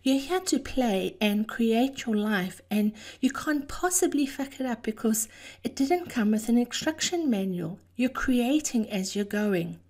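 Mellow-voiced woman giving a motivational monologue. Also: fairly high pitch, expressive, a little slow. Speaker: host of a daily encouragement podcast.

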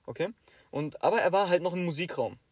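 A man's voice: quick pace, breathy edge, dry recording. A young man, casually telling a story and acting out the people in it. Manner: animated, acts out quoted teachers with louder higher bursts. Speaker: podcast co-host.

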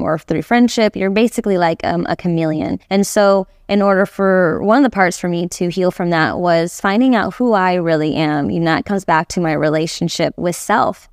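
A woman with a smooth, resonant voice shares her thoughts in a casual podcast chat. She is heartfelt and reflective and often speaks straight to the listener. The recording is close and dry. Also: medium pitch, no room sound. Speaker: podcast co-host. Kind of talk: casual conversation.

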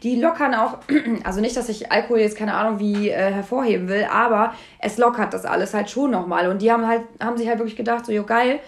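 A woman's voice: a little high, fast, hardly any pauses. A woman co-hosting a casual chat, recapping a reality show in a blunt, sarcastic, slangy way. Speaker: podcast co-host.

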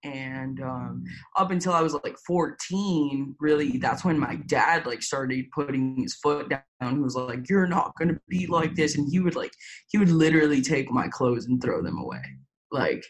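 A woman's voice: extremely low pitch, expressive, normal speed, poor audio. A young woman from Florida talking candidly in an interview, hesitant, full of fillers and the odd swear word. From Tampa, Florida, USA. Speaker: interview guest. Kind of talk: personal interview.

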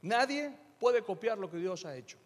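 A middle-aged male pastor delivers a sermon in a notably high voice. He preaches emphatically, dropping to quiet asides and then rising to loud declarations. His voice rings with the long reverb of a large hall. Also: expressive, moderate pace.

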